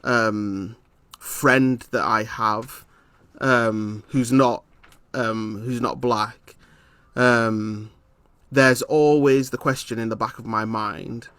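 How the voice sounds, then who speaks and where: Man from Leeds, reflective conversational delivery, mid-range voice, dry close sound, frequent pauses. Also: mid-range voice, steady tone, a bit bright, clean tone, no echo. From Leeds, England. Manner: thoughtful, hesitant with frequent ums; laughs often while telling stories. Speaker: interviewer.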